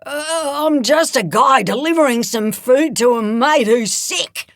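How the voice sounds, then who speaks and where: Audiobook: woman voicing an old male biker, nervous, evasive, talking a little high. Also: animated, measured pace, a bit bright, dry recording, clean studio sound, heavily acted. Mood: placating. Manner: placating, evasive.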